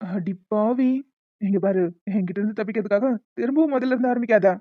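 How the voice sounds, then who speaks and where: A woman voicing a playful, persistent young newlywed husband in an animated short, bantering and coaxing. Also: medium pitch, quick pace, no echo, narrow, tinny audio, natural voice. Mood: teasing. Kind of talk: cartoon voice acting.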